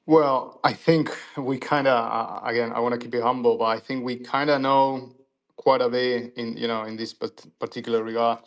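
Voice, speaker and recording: Male panel guest, mid-pitched, loose casual talk, heavy on "you know". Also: fairly even intonation, moderate pace. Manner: filler-heavy, repeats "you know" and restarts.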